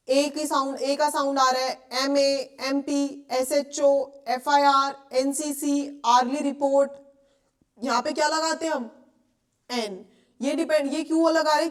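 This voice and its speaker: Young Indian woman teacher, high voice, patient explainer who keeps checking the class understands. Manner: explains patiently, asks checking questions often. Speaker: English teacher. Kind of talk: classroom lecture.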